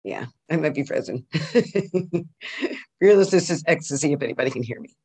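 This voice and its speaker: A woman on a video call, talking hesitantly as a class participant with frequent pauses and fillers. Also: sits low, lively intonation, darkish tone. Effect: heard over a video call. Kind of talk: casual chat.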